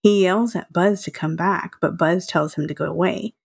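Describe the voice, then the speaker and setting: A woman's voice: on the low side, normal speed, creaky, breathy edge. A woman in her thirties, co-hosting a casual chat, laughing often and talking with many fillers. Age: 30s. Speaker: podcast co-host.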